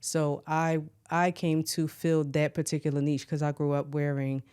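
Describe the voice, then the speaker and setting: An American woman from Philadelphia, a shoe designer, talking as a podcast guest in a relaxed, conversational way. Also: low-pitched, moderate pace, clean tone. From Philadelphia, USA. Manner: relaxed, conversational, often asks "you know what I mean". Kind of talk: casual interview talk.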